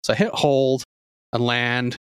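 A man's voice: mid-range voice, steady tone, measured pace, fairly bright tone, smooth, no echo, clean studio sound. A middle-aged man hosting a podcast in casual chat, telling long stories full of fillers. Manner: rambling storyteller, lots of fillers. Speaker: podcast host.

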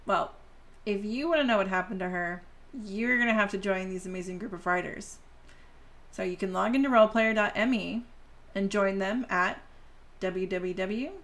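A woman's voice: mid-range voice, fairly bright tone. A woman hosting a podcast, reading a story aloud and talking directly to her listeners. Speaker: podcast host.

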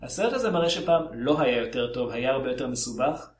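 Guy from israel co-hosting a movie podcast, jokey and animated, mid-pitch voice, roomy echo. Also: slight background noise. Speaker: podcast co-host. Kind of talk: casual podcast chat about films.

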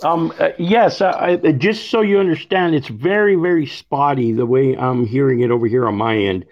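A man's voice: mid-range voice, normal speed, no echo, muffled recording. A man, a pastor and co-host, asking the guest questions in a polite, hesitant way from a remote connection. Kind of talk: interview questions.

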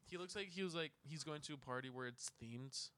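A young man co-hosting a casual podcast chat, animated and argumentative, with frequent swearing. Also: fairly high pitch, fairly quick, no room sound. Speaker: podcast co-host.

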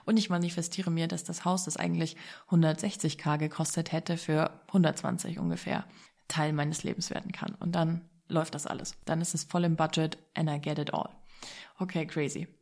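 Gravelly low-voiced woman telling a story. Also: brisk. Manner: excited, animated, mixes in English phrases. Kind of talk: casual personal storytelling.

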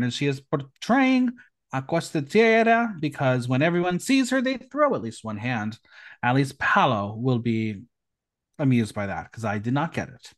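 On his podcast, a man recaps an episode of a TV show with camp and sarcasm. His pitch jumps suddenly as he goes.

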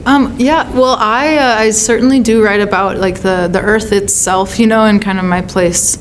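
An American woman with a medium-pitched voice, talking casually in an interview. She searches for her words in an informal, thoughtful way, with some background noise around her. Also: steady tone, normal speed. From California, United States. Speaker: songwriter being interviewed.

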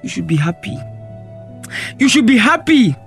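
A man's voice: very high voice, big pitch swings, normal speed, creaky, faint music behind, exaggerated voice. A young man with a Nigerian accent playing a resentful, neglected teenage son in a radio drama, confronting his mother. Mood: aggrieved. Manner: confrontational, accusing.

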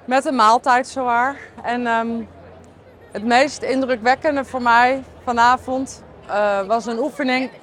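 A slightly high-voiced woman talks through a casual video diary for her podcast, tired and a little halting, with plenty of fillers. A faint hiss of outdoor town noise sits behind her voice. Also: steady tone, a bit bright. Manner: candid, halting, with many fillers. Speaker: podcast host.

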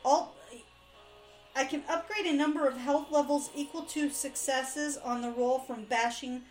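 A woman's voice: sits high, steady tone, unhurried, reverberant, soft background music, poor audio. A woman playing a tabletop game, working through the rules with some hesitation. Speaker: player. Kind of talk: casual tabletop play.

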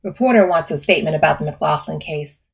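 A smooth, brash middle-aged lawyer who talks business bluntly and swears freely, as a woman narrator puts him on. He comes out husky and fairly low in an audiobook reading. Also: a little fast, exaggerated voice.

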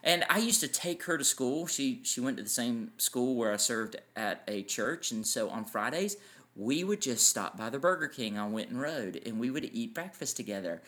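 A man's voice: mid-range voice, animated, normal speed, fairly bright tone. A man in his forties co-hosting a casual family podcast, telling sentimental stories and laughing easily. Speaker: podcast co-host.

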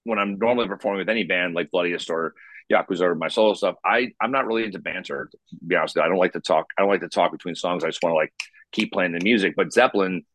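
A man talks quickly and loosely. He rambles, restarts his sentences and fills them with "you know". The voice sits a little low and the sound is dry and close. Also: a bit bright, no room sound. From Chicago. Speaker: musician guest. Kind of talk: casual interview chat.

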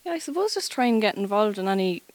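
A young Irish woman in her twenties, a student teacher, guests on a live radio interview connected to a school. She's chatty and easygoing, using lots of fillers, with a medium-pitched voice, big pitch swings and a quick pace. There's no room sound.

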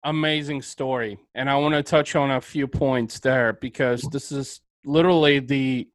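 A man's voice: medium pitch, fairly even intonation, normal speed, no echo, rough recording. A man from Bulgaria, hosting a podcast interview and talking in an enthusiastic, motivational way. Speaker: podcast host. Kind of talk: interview conversation.

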